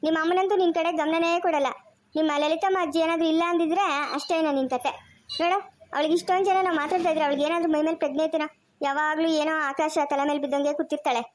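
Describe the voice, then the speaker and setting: Fast high-voiced woman scolding. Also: steady tone. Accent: Chikkaballapur Kannada. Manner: scolding, fast village talk. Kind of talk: amateur family drama acting.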